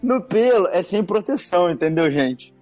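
A Brazilian man co-hosts a casual chat in a fairly high voice. He jokes around in a laid-back way. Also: expressive, normal speed, darkish tone, faint music behind. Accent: Brazilian Portuguese. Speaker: podcast co-host.

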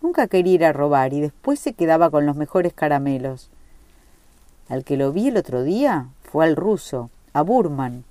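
A woman's voice: low-pitched, very animated, moderate pace, dark tone, dry recording. A woman reading a story aloud, voicing an exuberant, rambling young working-class man. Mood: boisterous.

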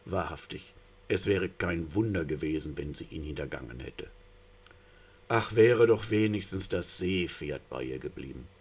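A man narrating a story in a theatrical reading, moving between hushed and rising tension. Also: low-pitched, breathy edge.

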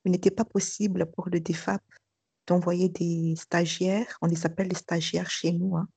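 A middle-aged woman speaks in a low, husky, gravelly voice with a dark, mellow tone. She gives a personal testimony hesitantly, pausing on fillers and restarting her phrases. The recording is dry and close. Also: level tone, dry recording. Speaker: school director. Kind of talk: testimony interview.

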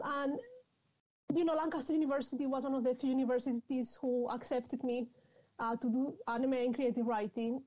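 Here a thirtysomething woman from Spain talks frankly and chattily as a guest author being interviewed, in accented second-language English. Her voice sits high and a little mellow, and laughter comes often. Audio quality is dull and lo-fi.

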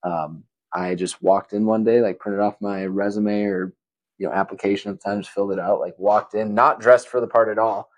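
A man's voice: fairly low pitch, brisk, no room sound, low-quality recording. A man from Wisconsin, a podcast guest, telling stories casually with lots of fillers and easy laughter. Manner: relaxed, chatty, laughs often, many fillers like "you know" and "like". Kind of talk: casual conversational storytelling.

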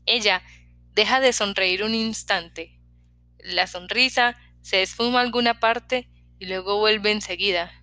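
Woman audiobook narrator, bright, crisp, dry studio sound. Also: mid-range voice, measured pace, no echo. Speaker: audiobook reader. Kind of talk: scripted first-person narration.

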